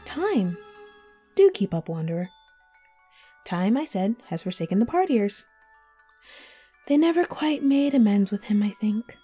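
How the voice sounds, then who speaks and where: A woman voicing a teasing, riddling female cat from Wonderland in an audio roleplay, coy and playful with drawn-out, whimsical phrasing. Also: medium pitch, sing-song, dark tone, husky, soft background music. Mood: whimsically advising. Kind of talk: scripted audio roleplay addressed to the listener.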